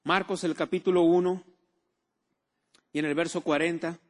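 A man's voice: on the high side, steady tone, normal speed. A man preaching a sermon, repeating key words and asking the congregation for amens. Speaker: pastor.

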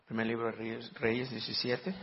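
A man preaching a sermon as pastor, lively, with frequent amens and rhetorical questions. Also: medium pitch, normal speed, lo-fi sound.

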